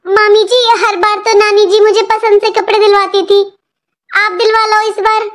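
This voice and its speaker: A woman's voice: very high-pitched, flat delivery, moderate pace. A woman voicing a pleading little girl. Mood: asking. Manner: pleading, childlike. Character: young girl, outspoken and hurt. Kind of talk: family drama acting.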